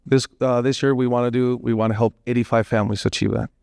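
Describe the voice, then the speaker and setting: A man's voice: mid-range voice, flat delivery, fast talker, creaky, darkish tone, smooth, no echo, studio quality. A man whose first language is Spanish, from Las Vegas, speaking on a panel in a heartfelt, emotional way and dropping in Spanish phrases. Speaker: real estate agent on a panel. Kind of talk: panel discussion.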